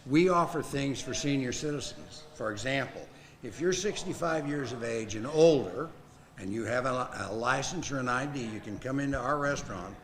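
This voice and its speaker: A man's voice: mid-range voice, expressive, moderate pace, slight background noise. A man, a restaurant representative explaining the place in a plain, informative way. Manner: plain, informative, matter-of-fact. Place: outdoors at a ranch restaurant.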